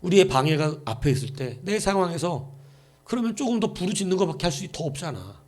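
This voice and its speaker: A man's voice: high voice, sing-song, brisk, darkish tone. A male pastor preaching a late-night vigil sermon in a church, emphatic and full of rhetorical questions put to his listeners.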